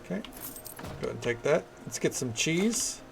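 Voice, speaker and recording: A man's voice: a little high, sing-song, moderate pace, creaky, a bit bright, a little hiss or hum. A man giving casual, chatty gameplay commentary as a streamer, thinking aloud. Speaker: game streamer.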